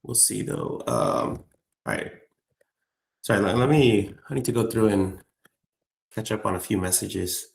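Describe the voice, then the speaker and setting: A man talks casually through a live trading stream, rambling and filling gaps with "like" and "uh". His voice carries a gravelly, creaky texture at a middling pitch. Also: big pitch swings, a little slow, long pauses. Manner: loose, chatty, lots of fillers and slang. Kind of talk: casual livestream chat.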